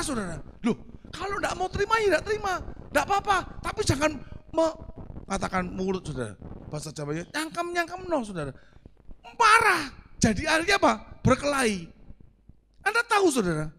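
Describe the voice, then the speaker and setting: A male pastor preaching a sermon, asking the congregation rhetorical questions and breaking into sudden loud bursts. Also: high-pitched, gravelly, big-room sound.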